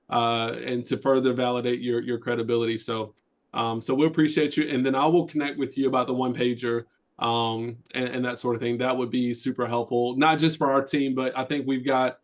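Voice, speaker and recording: A man's voice: mid-range voice, dull audio. A man hosting a team video call, thanking a guest in a rambling way with many fillers.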